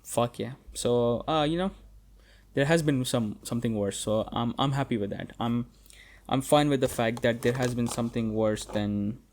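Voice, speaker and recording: A man's voice: mid-range voice, moderate pace, a little mellow. A young man hosting his own podcast, who talks alone in a loose, rambling way, swears often and fills his speech with "like" and restarts. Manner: rambling and profane, many fillers and restarts. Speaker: podcast host. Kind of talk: casual solo podcast monologue.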